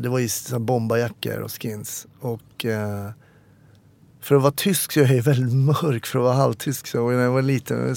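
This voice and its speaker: A man, a former police officer reflecting candidly on his life in an interview, with frequent pauses and hesitations. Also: mid-range voice, gravelly, darkish tone. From Stockholm, Sweden.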